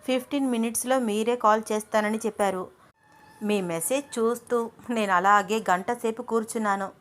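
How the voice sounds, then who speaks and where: A woman voicing a jealous, quick-tempered young woman in love, speaking sharply in a raised voice in a storybook reading. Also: natural voice. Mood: pleading. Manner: sharp, indignant, raised pitch.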